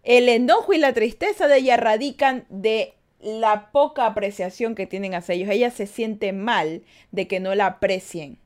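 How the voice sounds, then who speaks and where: Earnest woman, somewhat high voice. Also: moderate pace, few pauses, a little mellow. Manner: earnest, repeats phrases for emphasis, asks rhetorical questions. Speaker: podcast host. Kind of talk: advice podcast monologue.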